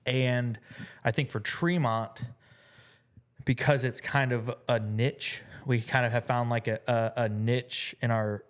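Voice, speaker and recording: A man's voice: medium pitch, fairly even intonation, takes it slowly. A man talking as a musician guest in a casual interview, rambling with many fillers and restarts.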